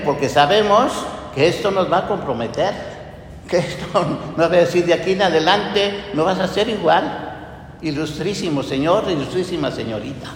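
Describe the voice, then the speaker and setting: A man preaching a conversational sermon, lively and full of tag questions, to his congregation in a church. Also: on the high side. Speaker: priest. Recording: echoey church hall, faint noise.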